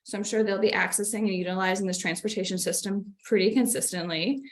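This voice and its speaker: A woman's voice: mid-range voice, fast talker. A woman giving a presentation in an online meeting, a little out of breath, explaining in an earnest way.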